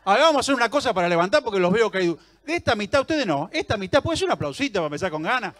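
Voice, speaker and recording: An Argentine man works a live theater crowd in a stand-up set, teasing people in the seats and chatting with them. His voice sits high for a man and swings widely up and down as he talks. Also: sing-song, rapid-fire, a bit bright. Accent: Argentine Rioplatense Spanish. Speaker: stand-up comedian. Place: theater stage before a live audience.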